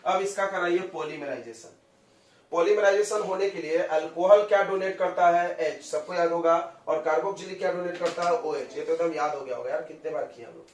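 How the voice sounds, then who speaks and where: A man lectures on chemistry to a class, prodding students with quick questions and repeating key terms. His voice sits a little high and sounds roomy, picked up from some distance away from the mic. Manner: coaxing, drills students with questions. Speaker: chemistry teacher.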